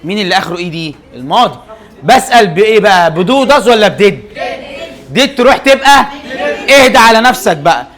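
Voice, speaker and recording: His high, expressive, slightly bright voice carries an Egyptian Arabic accent. He's a young man running an English grammar class who rattles off quick questions to the students and supplies the answers himself.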